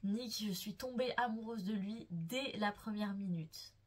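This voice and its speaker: A young woman running a book vlog talks at a measured pace in a mid-range voice. She gushes playfully and swoons over her favorite characters in casual, enthusiastic book chat.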